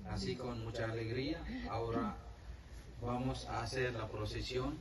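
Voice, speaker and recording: A man speaking as a priest to his congregation at an outdoor service, in simple, halting phrases with pauses. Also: mid-range voice, little pitch movement, over a noisy crowd. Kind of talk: liturgical address to a congregation. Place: open grassy field, outdoors. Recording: echoey outdoor PA, distant, heavy noise.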